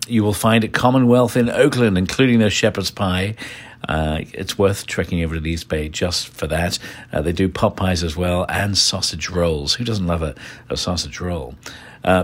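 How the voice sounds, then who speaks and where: Deep-voiced English man with many uhs. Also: moderate pace. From England. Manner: rambling, many filler uhs. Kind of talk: casual recommendations list.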